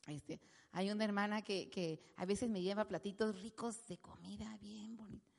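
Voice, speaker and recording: A woman preaching a sermon in a church, animated, acting out quotes and calling the congregation "hermanos". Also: mid-range voice, moderate pace, creaky. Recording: long hall reverb.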